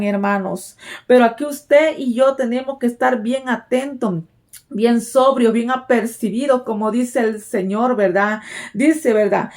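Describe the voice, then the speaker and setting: A woman with a fairly high, darkish voice preaches a sermon earnestly and with exhortation. She keeps asking her listeners "right?" and repeats her phrases, leaning on "¿verdad?" and "déjenme decirle" as fillers.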